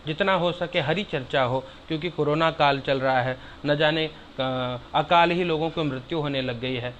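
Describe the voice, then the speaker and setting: A man's voice: a little high, muffled recording, slight background noise. A man giving a devotional discourse, explaining sacred verses in plain speech and calling his listeners brother. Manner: chants Sanskrit verses slowly and loudly between plain explanation; addresses listeners warmly as brother. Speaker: religious teacher.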